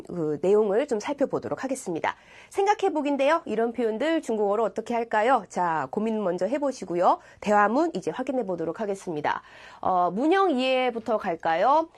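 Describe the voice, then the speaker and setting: A woman teaching an online language lecture, explaining each phrase step by step and reading example sentences slowly and clearly. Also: medium pitch. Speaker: Chinese language instructor.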